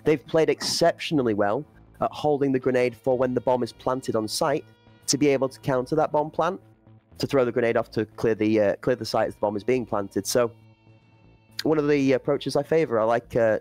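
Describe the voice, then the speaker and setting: A man's voice: mid-range voice, brisk, a little mellow, soft background music. A man commentating an esports playoff, breaking down play and building hype for the chat. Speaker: esports caster.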